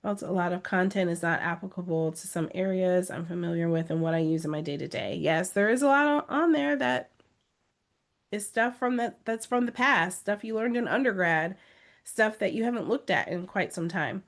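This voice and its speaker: Reading out comments during a live video webinar, a lowish-voiced woman coaches test-takers at a moderate pace. Her native English delivery is encouraging and pleading, built on emphatic repetition.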